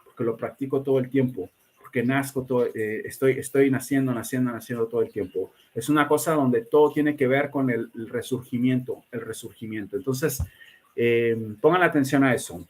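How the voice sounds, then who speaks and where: A man's voice: medium pitch, normal speed, a little mellow. A man hosting a casual livestream, talking emphatically, repeating himself and greeting viewers by name. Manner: emphatic, repeats words and restarts often. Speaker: livestream host giving predictions.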